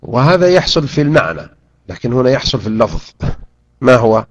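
A man teaching a Quran interpretation lesson, drilling pronunciation and repeating words slowly and deliberately. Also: medium pitch, very animated, slightly rough, no echo. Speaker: Islamic teacher. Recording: dull lo-fi recording.

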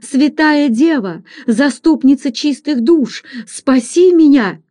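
A woman's voice: on the high side, animated, measured pace, mellow, no room sound, studio quality, voice pushed up. A woman reading aloud, voicing a panicked, superstitious Irish servant man who wails and pleads frantically. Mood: frantic, wailing.

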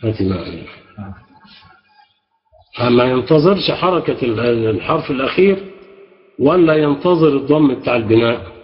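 A man's voice: mid-range voice, animated, moderate pace, pauses often. A man with an Egyptian Arabic accent, teaching an Arabic grammar class, patiently prompting students and praising their answers. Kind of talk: interactive class with questions to students. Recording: echoey, dull lo-fi sound.

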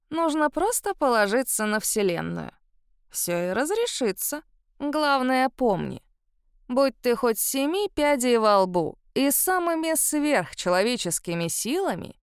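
A woman voicing a grumpy, bossy old great-grandmother in an audiobook, with a gruff, croaking voice and slow, drawn-out scolding words. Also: on the high side, dry recording, clean studio sound, exaggerated voice. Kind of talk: audiobook reading.

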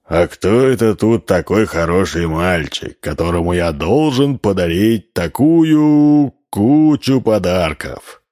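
A man voicing a stern old male winter gift-giver who speaks slowly and deliberately. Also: deep voice, expressive, darkish tone. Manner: slow, deliberate, frowning.

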